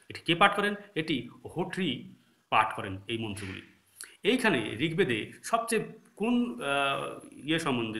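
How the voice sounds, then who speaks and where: A man with a Bengali accent gives a recorded history lesson. He quizzes his students and then answers his own questions, and his pitch swings widely from high to low. The room sounds echoey around him. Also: sharp tone. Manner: asks rhetorical questions and answers them himself; corrects his own slips mid-lesson. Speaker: exam-prep history teacher. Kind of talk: recorded lecture.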